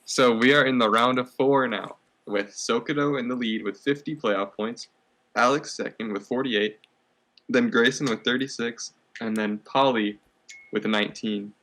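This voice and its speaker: A man's voice: medium pitch, moderate pace, fairly bright tone, rough recording. A man co-hosting, with the hiccups, reading out standings from a script. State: has the hiccups.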